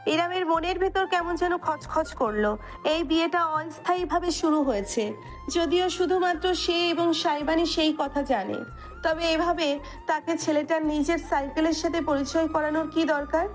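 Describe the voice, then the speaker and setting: Reading from a script at a normal pace, a woman with a high-pitched voice narrates a romantic audio story while music plays underneath.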